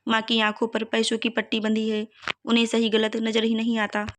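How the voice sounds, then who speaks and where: A woman's voice: a little high, completely flat delivery, normal speed, dry recording, lightly acted. Woman reading as an earnest hardworking son. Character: upright hardworking elder son man.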